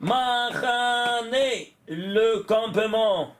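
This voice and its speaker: A man's voice: very high-pitched, very slow, a bit bright, slight background noise. A man, a rabbi, teaching a Torah lesson, chuckling often, restarting phrases and checking that his listeners follow. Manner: talks directly to listeners, checking they follow; chuckles often while explaining.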